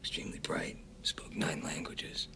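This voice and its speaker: An actor playing a calm, dry-humored army commander who gives clipped orders in a hushed voice. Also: male voice, normal speed, in a whisper, natural voice. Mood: storytelling, hushed. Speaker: commanding officer. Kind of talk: film dialogue.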